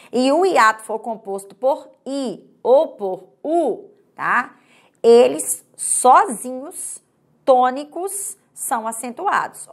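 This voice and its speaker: A woman from Brazil teaching a Portuguese grammar lesson online, who explains slowly, stretches out example words, and checks in with "right?" after nearly every point. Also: on the high side. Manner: pauses and hurries unevenly.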